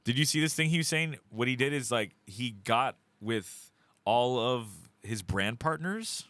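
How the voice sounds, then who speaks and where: A man's voice: medium pitch, measured pace, no room sound. A man co-hosting a casual comedy podcast, joking and acting out voices as he tells stories. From Miami. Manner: animated, jokey, acts out voices in stories. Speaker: podcast co-host.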